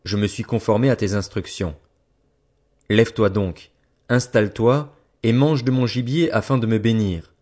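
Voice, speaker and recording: A man's voice: fairly low pitch, moderate pace, darkish tone, close to an everyday voice. Anxious younger son, earnest, read by a man.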